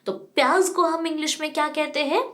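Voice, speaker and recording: A woman's voice: high-pitched, steady tone, a little fast, a bit bright. An Indian woman teaching pronunciation in a casual lesson, spelling words out letter by letter and quizzing the viewer. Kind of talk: casual lesson mixing Hindi and English.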